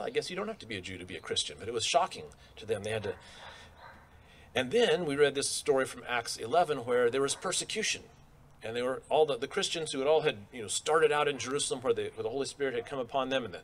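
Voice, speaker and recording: A middle-aged man delivers a sermon from a lectern in an outdoor church courtyard, speaking into a stand mic. His mid-range voice carries an easy, conversational preaching manner full of rhetorical questions and restarts. A faint wash of outdoor noise sits behind him. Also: mid-range voice. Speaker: pastor.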